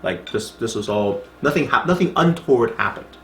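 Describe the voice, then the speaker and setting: A man's voice: mid-range voice, lively intonation, moderate pace, fairly bright tone, reverberant, slight background noise. A man teaching a Bible study in a chatty way, reading scripture aloud and adding asides, often checking in with "okay?" as he goes. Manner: frequent restarts and checks like "okay?".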